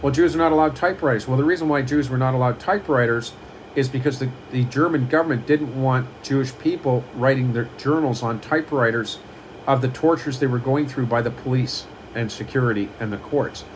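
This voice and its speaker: A man's voice: medium pitch, fairly quick, low-quality recording. Guy lecturing at home, reads stuff out, keeps asking do you understand, faint hum in the back. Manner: repeats himself, asks "do you understand?". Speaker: channel host. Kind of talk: lecturing monologue, reading from a list.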